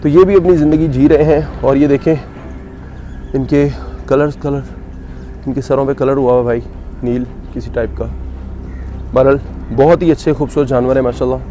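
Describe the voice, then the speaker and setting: A man's voice: medium pitch, fairly even intonation, normal speed, pauses often, warm tone, soft background music. A man giving casual walking vlog commentary while touring a cattle farm outdoors, chatty and joking with his viewers.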